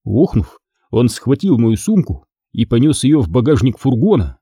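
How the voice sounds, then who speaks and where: A man narrating a children's storybook in an expressive reading. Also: mid-range voice, normal speed, breathy edge, dry recording, clean studio sound. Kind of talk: audiobook narration.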